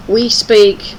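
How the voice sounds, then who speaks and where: An older New Zealand woman, her accent a mix of Kiwi and English, hosts a livestream and chats casually while gaming, teasing as she goes. Her voice sits on the high side with a darkish tone, and there's slight background noise.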